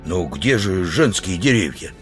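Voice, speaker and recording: A man's voice: low-pitched, big pitch swings, soft background music. A man doing a moaning, dying stranger. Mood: weary. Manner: groaning, slow.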